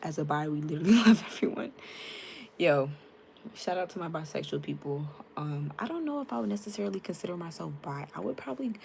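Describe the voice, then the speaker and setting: A young livestreamer from the United States talks fast and expressively in a fairly low, creaky, slightly mellow voice. Speaking into a tablet mic with a little hiss or hum, she chats frankly with viewers, greets them by name, and leans on lots of fillers.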